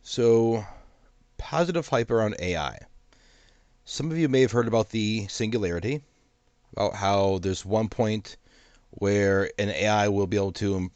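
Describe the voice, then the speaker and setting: A man with a deep, low voice talks through his points with a steady, cautionary manner and the odd wry aside. His voice sounds congested from a sinus infection. The sound is dry and close, with no room around it. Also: moderate pace, pauses often, clear, resonant tone, dry recording, dull audio. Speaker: host of an AI commentary channel. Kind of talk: solo commentary to camera.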